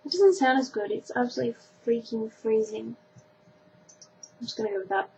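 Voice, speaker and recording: A woman's voice: fairly high pitch, brisk, gravelly, darkish tone. A teenage Australian girl chatting casually to camera in an informal, self-deprecating way. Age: teenager, sixteen. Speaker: vlogger answering a questionnaire. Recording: dull lo-fi sound, faint background noise.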